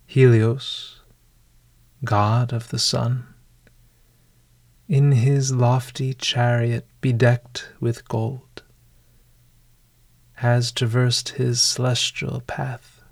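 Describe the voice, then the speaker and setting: Speaking softly and deliberately with long pauses, a man reads a scripted bedtime meditation as a podcast host. His mid-range voice is delivered flatly, and there's no echo.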